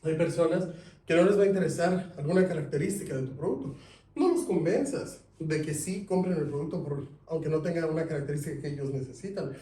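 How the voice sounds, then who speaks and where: A man teaching a sales class, lively, asking his students questions. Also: on the high side, a little fast. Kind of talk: classroom lecture. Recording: echoey room, mic at a distance.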